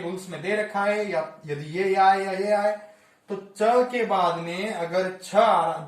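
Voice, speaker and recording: A man teaching a Hindi grammar lesson for exam preparation, explaining each rule step by step and repeating it. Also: high-pitched. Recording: echoey room, mic at a distance.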